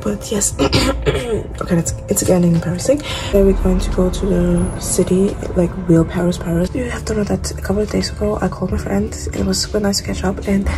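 A woman's voice: mid-range voice, fairly quick, over music, rough recording. A young woman chatting casually to her phone camera in a vlog, tired with a groggy morning voice, swearing lightly and poking fun at herself. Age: young adult. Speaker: vlogger. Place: bedroom at home, indoors. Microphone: phone held at arm's length.

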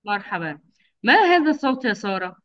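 A woman teaching young children over a video call, with patient, drawn-out enunciation and frequent praise. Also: mid-range voice, sing-song. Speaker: kindergarten teacher. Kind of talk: online phonics lesson for young children. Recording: dull lo-fi video call audio.

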